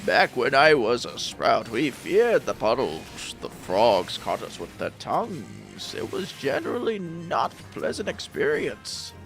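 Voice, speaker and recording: A man's voice: mid-range voice, wildly swooping pitch, measured pace, vocal fry, few pauses, a bit bright, faint music behind, heavily acted. A man doing a hammy old man reminiscing, alternating between two different old-man voices during a gaming stream.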